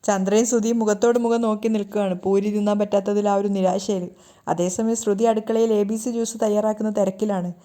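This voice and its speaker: A woman narrating a recap of a television serial in a steady storytelling manner. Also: medium pitch, a little fast.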